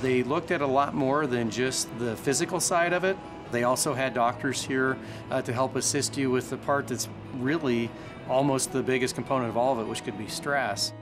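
A man's voice: medium pitch, fairly even intonation, moderate pace. A man who was a cardiac rehab patient speaks in an earnest, reflective way in a documentary interview. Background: background music.

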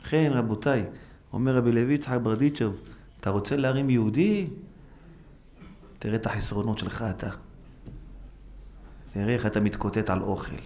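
A rabbi giving an animated Torah lesson, exhorting his listeners with repeated rhetorical questions and acting out quoted voices. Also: long pauses. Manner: animated, acts out quoted voices with sharp pitch jumps. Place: synagogue hall. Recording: faint background noise, live stream.

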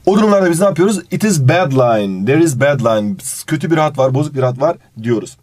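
A man with a fairly high voice talks at a quick pace, and there is no room sound. He teaches an exam review lesson, reading English phrases aloud and translating each one, fondly addressing his student with animated intonation.

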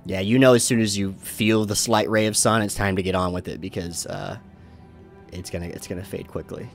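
A man narrating as game master in a relaxed, rambling way. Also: deep voice, brisk, gravelly, soft background music. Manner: relaxed, filler-laden.

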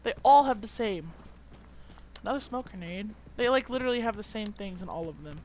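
A man's voice: high voice, animated, a little fast, a little mellow, a little hiss or hum. A man chatting casually and joking while playing a game with a friend. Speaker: gamer. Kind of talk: casual gameplay chat.

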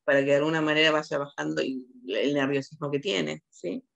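Argentine lady lecturing on a video call, bit of fry in the voice, lots of ums and restarts. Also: low-pitched, fairly even intonation, brisk. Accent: Rioplatense Spanish. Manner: hesitant, many fillers and restarts. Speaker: psychologist lecturer.

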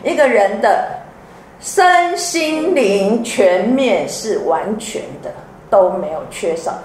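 A middle-aged woman with a Taiwanese Mandarin accent gives a sermon as a pastor's wife, lively and often asking the audience questions. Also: medium pitch, slow pace. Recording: echoey hall with faint background noise.

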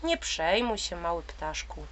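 Woman doing a calm tired storybook stag, low mumbly voice, slow. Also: heavy background noise. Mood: soothing. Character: big calm weary male deer.

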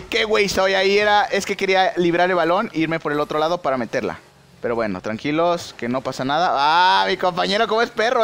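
A young man with a Mexican accent giving excitable, slangy live commentary on his own gameplay and shouting at big plays. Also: high voice. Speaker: gaming YouTuber.

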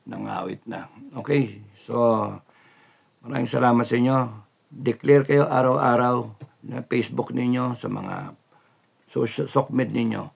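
Gravelly Filipino man, fervent monologue. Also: medium pitch, measured pace. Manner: fervent, mixes Tagalog and English, repeats slogans. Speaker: vlogger. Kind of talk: impassioned political monologue.

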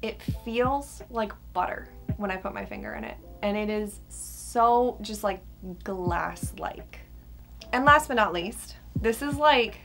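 A young woman talks to camera in a casual, emphatic way, ranking products like a beauty vlogger. Her pitch is average for a woman and her s sounds whistle. There is music behind her in a furnished room. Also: takes it slowly, vocal fry. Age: young adult. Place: small furnished room indoors.

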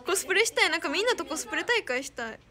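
A woman's voice: very high voice, lively intonation, rapid-fire, pushed and bright. A young woman with a Kansai accent, chatting casually on a live stream, giggling often as she thanks fans and reads their comments. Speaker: idol streamer.

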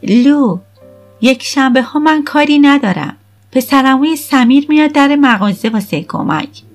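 An eager teenage girl, as a woman reading the audiobook puts her on, her voice lifted well above the reader's own. The tone stays husky and a touch louder. Restless and spirited, she comes out quick. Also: a little high, soft background music, voice pushed up, lightly acted. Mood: cheerful.

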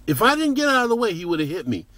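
A man's voice: high voice, very animated, rapid-fire, sharp tone. An older man giving a blunt, profane vlog rant while running errands. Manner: blunt, profane, ranting, heated bursts. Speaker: vlogger.

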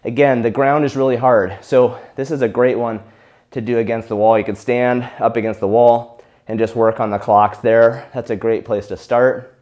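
A young man explaining shoulder exercises in a relaxed coaching tone while he demonstrates them. At times he is out of breath from the exercise. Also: mid-range voice, moderate pace. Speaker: physical therapy instructor.

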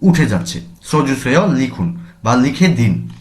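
A man's voice: mid-range voice, big pitch swings, a little slow, darkish tone. A man teaching a language class, explaining grammar step by step and answering his own questions.

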